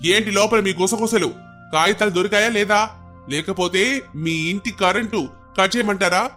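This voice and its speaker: A man voicing a loud, stern young man posing as an electricity officer in an animated story. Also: sits high, normal speed, soft background music. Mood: gruff. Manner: barking, gruff.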